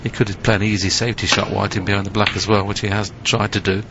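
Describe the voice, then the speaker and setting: Male sports commentator for snooker, lowish voice, conversational analysis, dull noisy broadcast audio. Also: flat delivery, quick pace. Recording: muffled broadcast with background noise.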